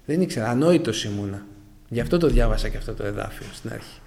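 A man's voice: mid-range voice, expressive, creaky, a little mellow. A man from Greece telling his conversion story to a congregation, calling them brothers and letting his voice sink at the end of phrases. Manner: keeps addressing the listeners as brothers; fragmentary, emotional storytelling, voice sinking at phrase ends. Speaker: church member giving testimony. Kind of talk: personal testimony to a congregation.

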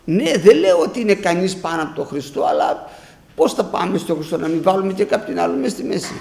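A male preacher delivers a sermon, repeating phrases for emphasis and weaving in scripture. His voice sits high and has a gravelly edge. The room around him is echoey. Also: big pitch swings, darkish tone. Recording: roomy echo.

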